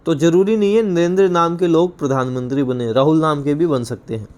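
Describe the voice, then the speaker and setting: A man's voice: on the high side, brisk, a little mellow. A man with a Rajasthani Hindi accent teaching an exam-prep grammar lesson, explaining patiently, repeating points and asking questions he then answers himself.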